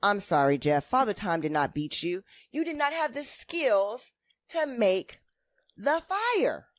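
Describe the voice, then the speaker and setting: A woman talks through an opinionated recap like a co-host who pulls no punches. Her delivery is blunt and emphatic, with plenty of sass and a highly animated pitch. The sound is dry, without room echo. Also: slow. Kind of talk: casual opinionated recap chat.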